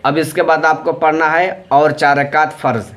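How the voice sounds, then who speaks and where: A man's voice: on the high side, steady tone, moderate pace, fairly bright tone. A man giving patient, step-by-step instructions for a prayer, going through each step plainly and repeating them. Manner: plain, patient, repetitive explaining. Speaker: religious teacher.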